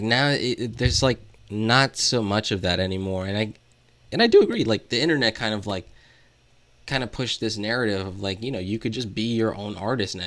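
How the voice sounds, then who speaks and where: A podcast co-host with a fairly low, fairly bright voice rambles through a casual music discussion. He's hesitant and leans heavily on "like" as filler.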